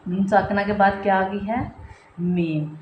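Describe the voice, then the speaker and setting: A woman teaching a step-by-step recitation lesson, asking and answering her own questions and stretching each example out slowly. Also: medium pitch, steady tone, reverberant, highs cut off, a little hiss or hum. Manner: repeats examples slowly and drawn out.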